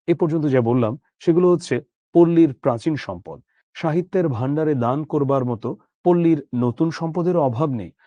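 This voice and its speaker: A man teaches a class in an explanatory lecture, stopping often to pose rhetorical questions and check understanding. His voice sits a little high but stays mellow and soft-edged. The sound is dry and close. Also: no echo, highs cut off. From Bangladesh.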